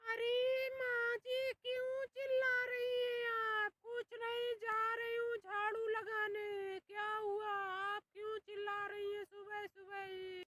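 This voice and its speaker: Brash young bride voiced by a woman, high, flat delivery, slow and cutting. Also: a little hiss or hum, full character voice. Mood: defiant. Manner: brash, threatening, ends lines with "theek hai?". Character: sharp-tongued young daughter-in-law, defiant and boastful.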